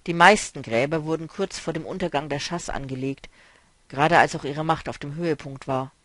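A man reading a novel aloud, voicing a weary, melancholy male traveler who speaks quietly and broodingly. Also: on the high side, a little fast, dry recording, lightly acted. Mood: explaining.

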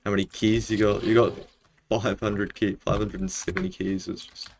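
A man's voice: lowish voice, flat delivery, moderate pace, vocal fry, a little hiss or hum. A young man with a broad New Zealand accent chatting casually on a game stream in a laid-back, matey way, often saying bro. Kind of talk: casual live-stream chat while gaming. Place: bedroom, indoors.

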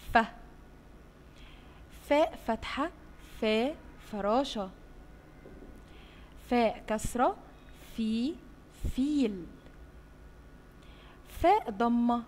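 Egyptian woman teacher, real slow, spells out letter sounds for little kids, kinda high voice, echoey room w/ faint hiss. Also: darkish tone. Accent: Egyptian Arabic. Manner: sounds out letters slowly and praises the children often. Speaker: kindergarten Arabic teacher. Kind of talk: slow drawn-out phonics lesson for young children. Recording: roomy with long reverb, faint hiss.

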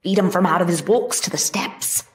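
In a historical courtroom drama, a woman acts the part of a devout, plain-spoken soldier's wife who testifies in a firm, earnest, formal way using period phrasing. Her pitch is fairly low, her speed normal, and the acting light. A distant mic gives the sound a roomy echo.

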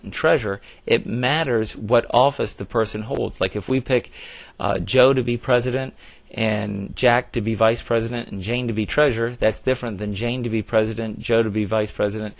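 Man, math instructor, lowish voice, dry close sound, explains step by step with "uh"s. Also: creaky, dry recording. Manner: plain explanatory, frequent "uh" fillers and restarts. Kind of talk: recorded math lecture.

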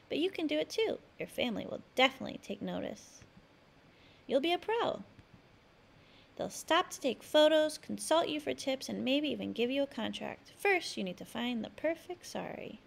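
A woman hosts and narrates a picture book for young children, reading each phrase expressively and with emphasis. Her voice is fairly high, swings widely in pitch, and has a clearly creaky edge. There is a little hiss or hum in the recording.

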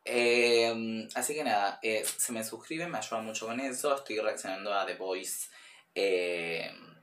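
Man, Argentine accent, casual reaction host, rambling with fillers, lowish voice, faint hiss behind. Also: a bit bright, reverberant. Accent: Argentine Spanish. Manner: rambling, many fillers, addresses viewers directly.

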